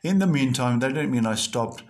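A man's voice: medium pitch, lively intonation, moderate pace. A man hosting a podcast, speaking in an earnest, repetitive motivational monologue full of fillers and restarts. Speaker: podcast host.

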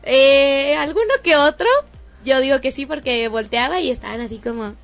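A woman's voice: sits high, moderate pace, a bit bright, faint music behind. A woman teacher with a Mexican accent telling a funny story about herself in a chatty way. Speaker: primary school teacher. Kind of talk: casual storytelling.

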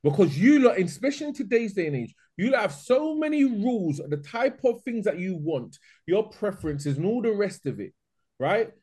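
High-pitched London roadman, emphatic. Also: very animated, moderate pace, a little mellow, breathy edge. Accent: London, urban street. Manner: emphatic, repeats himself. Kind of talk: casual panel debate, street slang.

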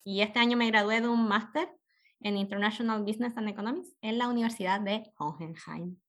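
A woman's voice: mid-range voice, fairly quick. Chilean woman, thoughtful guest speaker. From northern Chile. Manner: thoughtful, with frequent fillers and self-corrections. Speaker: podcast host interviewed as guest. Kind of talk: radio interview.

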